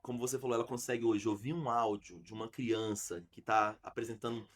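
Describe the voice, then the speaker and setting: Animated Brazilian man hosting a podcast. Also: mid-range voice, fast. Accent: Brazilian Portuguese. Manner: animated, emphatic storyteller with frequent restarts. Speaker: podcast host and arts school founder. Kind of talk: casual podcast chat.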